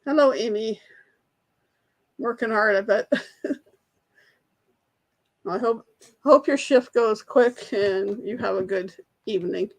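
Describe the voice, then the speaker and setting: A woman's voice: mid-range voice, slow pace, pauses often. A woman hosting a casual live trivia quiz, reading questions aloud and chatting with viewers in the chat. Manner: reads questions aloud, greets and answers chat viewers, laughs at herself. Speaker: trivia livestream host.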